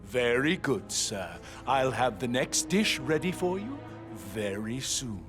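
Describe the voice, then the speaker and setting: A man's voice: medium pitch, very animated. An actor playing a boastful male chef who savors every word. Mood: proud. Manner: slow, heavily accented, savoring every word. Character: boastful male chef, slow and self-assured. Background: game music.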